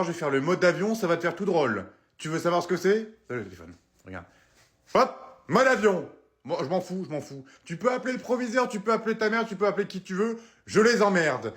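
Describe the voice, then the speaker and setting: A man playing a rude, foul-mouthed male schoolteacher who talks slowly and mock-calmly. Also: high-pitched, pitched above the performer's own voice. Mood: snapping. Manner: slow, mock-calm, then snapping.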